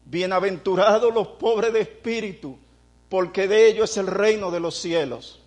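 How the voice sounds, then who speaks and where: Speaking in a high-pitched voice at a moderate pace, a male preacher gives a passionate sermon that builds into loud prayer and poses rhetorical questions to the congregation.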